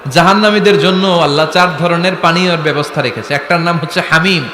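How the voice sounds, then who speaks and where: A man's voice: fairly high pitch, quick pace, pushed and bright. A man preaching a dramatic sermon, asking his audience rhetorical questions. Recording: echoey hall with faint ambience.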